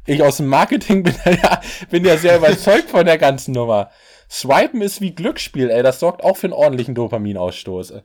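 A man co-hosting a casual podcast, explaining things in long, animated stretches with frequent restarts and bursts of laughter. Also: fairly high pitch, a little fast. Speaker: podcast co-host.

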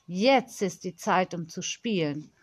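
A woman voicing a kind, soft-spoken adult nanny in an audiobook reading. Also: on the low side, expressive, slow pace, husky, no echo, heavily acted. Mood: earnest.

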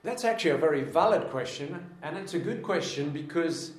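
A man's voice: fairly high pitch, lively intonation, fairly quick, reverberant. A man preaching a sermon to a congregation in a room, earnest and repeating his points for emphasis.

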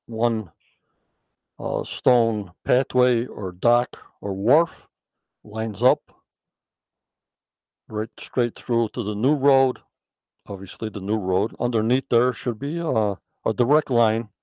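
A man's voice: medium pitch, a little mellow, dry recording. A man hosting a casual live discussion, chatty and enthusiastic, repeating his words of praise. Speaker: podcast host.

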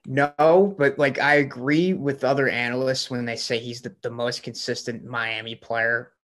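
A man's voice: mid-range voice, fairly even intonation, moderate pace, a bit bright. A man with a mid-range voice co-hosts a sports podcast. He talks with enthusiasm and rambles, stacking fillers as he builds his points. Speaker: podcast co-host. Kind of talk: casual sports chat.

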